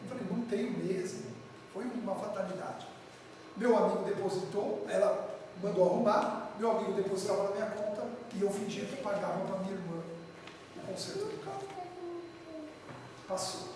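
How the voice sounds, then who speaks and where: A woman preaching from São Paulo, Brazil, telling her testimony to the congregation with lively acted-out dialogue. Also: medium pitch, normal speed, a little hiss or hum. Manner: animated storyteller acting out dialogue, addressing the congregation. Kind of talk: sermon storytelling. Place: church hall. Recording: echoey church hall, distant mic.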